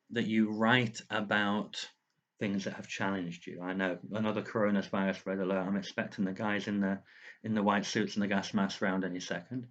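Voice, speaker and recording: Muffled audio captures a fairly low-pitched man with a fairly bright tone. He's an author vlogger making a casual lockdown video diary at home indoors, speaking earnestly to the viewer with a slight lisp and some rambling.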